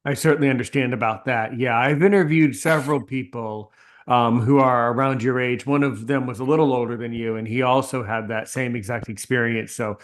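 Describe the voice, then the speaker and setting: A man's voice: medium pitch, fairly even intonation, fairly quick. A man hosting a podcast, introducing his guest in an upbeat, somewhat formal way. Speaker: podcast host.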